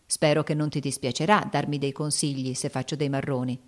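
A woman's voice: low-pitched, steady tone, fairly quick, natural voice. A woman voicing a spirited impulsive teenage girl. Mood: indignant. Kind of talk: audiobook character reading.

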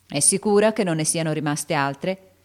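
A woman reading aloud and voicing an irritable older male schoolteacher who gives orders in a booming, commanding voice. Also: normal speed, darkish tone, lightly acted. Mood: stern, scolding. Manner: stentorian, commanding.

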